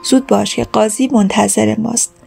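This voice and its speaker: A woman's voice: mid-range voice, steady tone, vocal fry, husky, faint music behind. Woman reading as an angry stingy neighbor. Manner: shouting, impatient. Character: stingy middle-aged man, angry and impatient.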